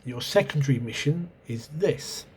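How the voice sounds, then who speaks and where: Husky and a little mellow, this medium-pitched man has lively intonation and a moderate pace. He hosts a channel reviewing role-playing games and, despite a cold and sore throat, rambles through recollections of an old one in a casual video, hesitating and correcting himself with many ums. The recording comes from a camera mic at home.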